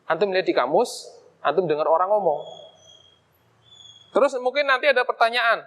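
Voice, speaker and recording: A man's voice: high voice, very animated, normal speed, fairly bright tone. A man teaching an Arabic grammar lesson in a mosque, explaining casually and asking himself questions aloud as he goes.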